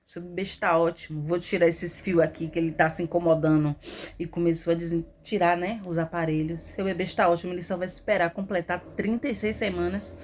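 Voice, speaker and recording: A woman, telling her own testimony as a mother with emotional, animated storytelling. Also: fairly low pitch, a little fast. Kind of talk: personal testimony vlog.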